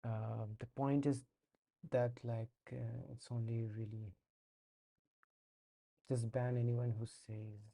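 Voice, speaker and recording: A young man with an Indian accent codes live and chats casually in a slow, flat, creaky, dark-toned voice of medium pitch, with long pauses. He's a streamer learning to code, hesitant with many fillers and restarts.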